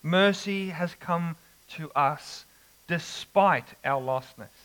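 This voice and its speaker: A man preaching an expository sermon, slow and emphatic with dramatic pauses. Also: on the high side, fairly bright tone, low-quality recording.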